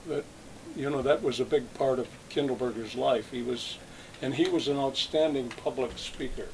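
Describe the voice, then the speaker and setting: An older man, a retired salesman, reminisces about his working years in an oral history interview. His medium-pitched voice moves at a moderate pace, rambling and restarting often. The low-quality recording carries slight background noise.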